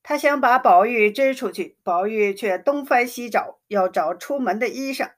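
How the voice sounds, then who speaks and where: A woman narrates a classic novel in a steady, measured storybook manner. Her voice sits fairly high, and she keeps an even reading pace throughout.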